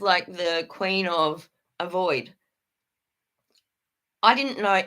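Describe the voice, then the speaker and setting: A blunt woman talks straight to her livestream chat, rambling from one point to the next and swearing without a second thought. Her voice sits a little high, with a bright, forceful edge that cuts through.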